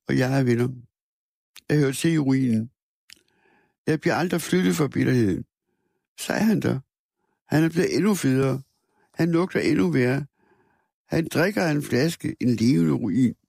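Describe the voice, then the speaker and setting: A man reading a first-person literary story aloud in a measured, somber way, with a few small restarts. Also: fairly high pitch, creaky, a little mellow, no echo, clean studio sound. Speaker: narrator.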